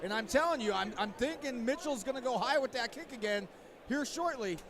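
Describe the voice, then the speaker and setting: A man with a high voice works as a color commentator at a live fight. He analyzes technique in a sports broadcast style, with a clearly audible crowd around him. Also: lively intonation, a little fast. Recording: loud crowd at live venue.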